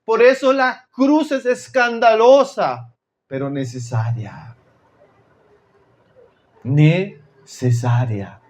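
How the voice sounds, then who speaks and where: A man from Chile preaching a sermon, addressing his listeners as brothers and dropping to low, intense tones for emphasis. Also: very slow, long pauses.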